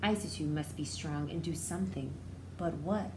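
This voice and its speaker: A woman teacher reads a storybook aloud to young children with expression, stopping to explain things in simple, repeated words. Her voice sits low, and there is background noise.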